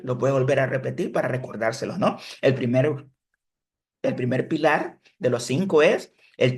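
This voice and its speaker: A man giving an online religion lesson, explaining step by step, pausing to correct himself and checking in with his listeners. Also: medium pitch, a little mellow. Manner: self-correcting, pauses to fix slips. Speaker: religion teacher. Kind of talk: online class lecture.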